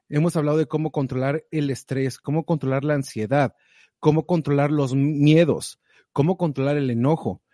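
A man talks in a casual conversation, lively and direct, as he urges the listener on. His voice sits a little high but has a mellow, warm tone. The sound is dry and close, with no room echo. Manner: animated, motivational, direct. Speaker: guest sharing advice.

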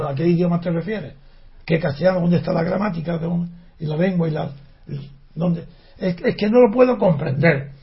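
A man giving an impassioned, indignant monologue, full of rhetorical questions and restarts. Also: sits high. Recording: dull lo-fi recording.

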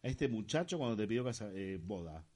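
A man co-hosting a comedy podcast, teasing playfully and quick to laugh. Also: fairly low pitch, big pitch swings, a little mellow. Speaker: podcast co-host. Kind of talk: casual comedy chat.

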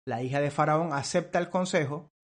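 A man's voice: on the high side, a little fast. A man preaching through a dramatized, theatrical retelling of a story.

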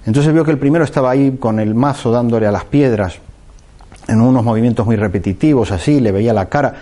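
Man, mellow dark voice, unhurried, restarts and fillers, reflective talk. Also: mid-range voice. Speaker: speaker giving a motivational talk. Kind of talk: reflective talk with a told parable.

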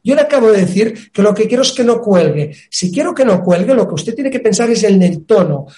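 A man's voice: sits high, expressive, fairly quick, dark tone. A man from explaining a fitness method in an interview, emphatic and acting out small dialogues. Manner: emphatic, acts out little dialogues. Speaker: fitness expert guest. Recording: roomy echo.

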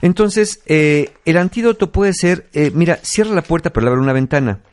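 Lively Mexican man explaining. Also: a little high, fairly quick, dry recording. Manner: explanatory, acts out examples. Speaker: host. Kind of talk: relationship advice talk.

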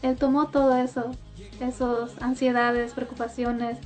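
A woman with a high voice leads a casual devotional talk. She speaks gently and conversationally, with small laughs. Faint music plays in the background. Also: flat delivery, unhurried. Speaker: host of a Bible talk.

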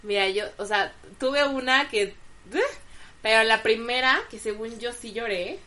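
A woman's voice: a little high, measured pace. A woman in her twenties with a Mexican accent, co-hosting a podcast and telling stories in frank, slangy chat. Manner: slangy, frank, animated storyteller. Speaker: podcast co-host. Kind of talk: casual storytelling chat.

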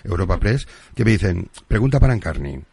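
A man hosting a radio show in a relaxed, casual way, reading out listener messages. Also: low-pitched, fairly quick, gravelly, breathy edge, no room sound. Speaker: radio host.

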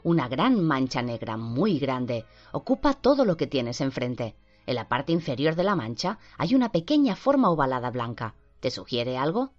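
Un interrogador sereno y paciente, leído por una mujer. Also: female voice, rumbling low, moderate pace, full character voice. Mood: calm. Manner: calm, gently probing questions. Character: calm, patient male interrogator. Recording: dull lo-fi with faint music.

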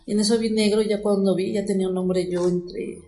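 A woman's voice: medium pitch, steady tone, a little fast, mellow, soft background music. A middle-aged woman, telling a personal story in an emotional, rambling way with many fillers. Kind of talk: casual storytelling. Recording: echoey room.

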